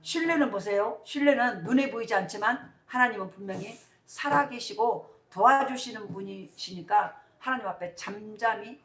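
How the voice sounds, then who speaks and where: A woman's voice: mid-range voice, normal speed, hardly any pauses. Middle-aged woman pastor preaching, echoey church, mic kinda far off. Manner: animated preaching with call-and-response questions. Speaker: senior pastor. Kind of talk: sermon. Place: church sanctuary. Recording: roomy church hall from a distance.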